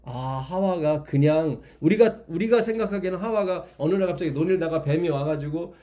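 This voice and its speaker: A man's voice: a little high, fairly quick, mellow. A man leading a Bible study, explaining patiently and asking his listeners questions.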